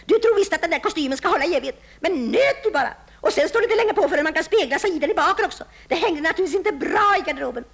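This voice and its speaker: A woman's voice: very high voice, animated, hardly any pauses, fairly bright tone, exaggerated voice. An actress playing a nagging housewife who scolds her husband nonstop in a vintage radio comedy sketch. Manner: nagging, reproachful, theatrically wounded. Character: nagging middle-aged housewife, shrill and endlessly scolding.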